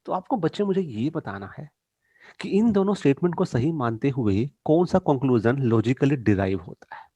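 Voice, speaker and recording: A middle-aged male teacher giving a lesson to students, mixing two languages and stressing key English phrases slowly. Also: medium pitch, animated, dark tone, breathy edge, no echo. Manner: mixes Hindi and English, addresses students directly.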